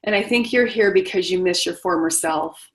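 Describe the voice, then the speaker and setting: Hosting a motivational webinar as a widowhood coach, a middle-aged woman addresses her listeners directly and with encouragement. She speaks at a moderate pace in a low-leaning voice, over poor audio.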